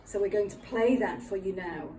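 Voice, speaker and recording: A woman teaching young children a lesson with patient, clearly spelled-out explanations. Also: medium pitch, normal speed, dark tone, reverberant, distant mic, slight background noise, low-quality recording. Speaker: primary school teacher.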